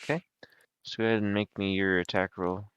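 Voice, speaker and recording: Deep-voiced joking game master, man. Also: little pitch movement, a little fast, fairly bright tone, smooth, dry recording. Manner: hesitant, full of ums, joking sports-style commentary. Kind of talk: narrating a tabletop game.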